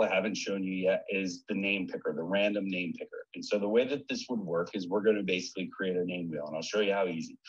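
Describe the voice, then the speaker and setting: A man's voice: low-pitched, slightly rough. A man presenting a webinar, walking viewers through a screen-share tutorial in a friendly, step-by-step way over a computer mic. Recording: dull lo-fi webinar audio.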